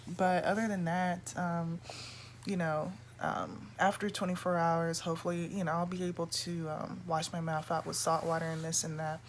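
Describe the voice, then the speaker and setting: A woman's voice: on the low side, flat delivery, moderate pace. A woman vlogger chatting casually to camera in a rambling, confiding way. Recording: clear background noise.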